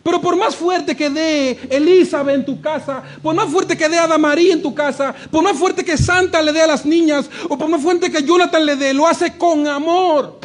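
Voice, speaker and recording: A man preaching a sermon, acting out quoted voices and swinging between hushed and shouted lines. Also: very high voice, steady tone, moderate pace, hardly any pauses. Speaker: pastor.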